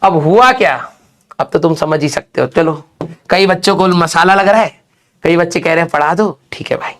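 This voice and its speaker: A male teacher telling a funny childhood story to his class, animated, who keeps checking in with his students with a quick "okay?". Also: a little high.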